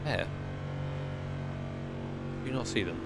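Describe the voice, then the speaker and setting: Sim racing indoors, a man chats casually over a livestream headset mic, rambling and swearing now and then. His voice is fairly low, slow and gravelly, with loud car engine noise in the background.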